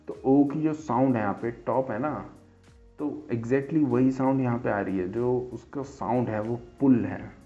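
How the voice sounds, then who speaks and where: Male teacher, middle pitch, casual explainer who keeps checking in, dull lo-fi recording with faint music under it. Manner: repeats "theek hai" as a check-in after nearly every point; spells and repeats example words slowly. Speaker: English teacher. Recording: dull lo-fi sound.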